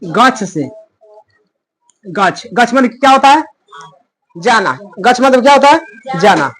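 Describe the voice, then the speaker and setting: Rustic tutor drilling grammar. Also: male voice, very high-pitched, sing-song, measured pace, fairly bright tone, slightly rough. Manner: drills by repeating questions and answers to himself; plain, rustic village-style talk. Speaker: Sanskrit tutor. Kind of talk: classroom grammar lesson.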